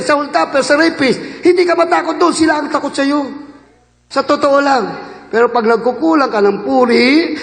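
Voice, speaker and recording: High-pitched gravelly preacher, echoey hall. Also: male voice. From Philippines. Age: 50s. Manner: fervent, shifts between shouting and low asides. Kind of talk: sermon. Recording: echoey hall with long reverb.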